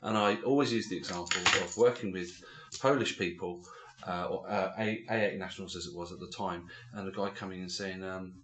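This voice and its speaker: A man's voice: deep voice, brisk, few pauses, very noisy. Man in his forties chatting, echoey room. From England. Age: 40s. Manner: animated storytelling, many fillers and restarts. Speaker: podcast co-host. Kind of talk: casual chat.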